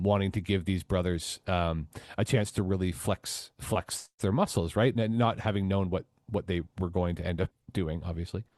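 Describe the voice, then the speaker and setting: A man's voice: deep voice, a little mellow, no room sound, clean studio sound. A man co-hosting a podcast, talking casually and agreeably about films. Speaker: podcast co-host. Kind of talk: casual film discussion.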